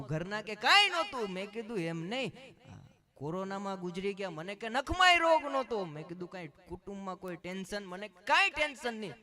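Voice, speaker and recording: A man's voice: high-pitched, bright, forceful tone. A man telling comic stories as a stand-up comedian, switching into quoted voices. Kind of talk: stand-up storytelling.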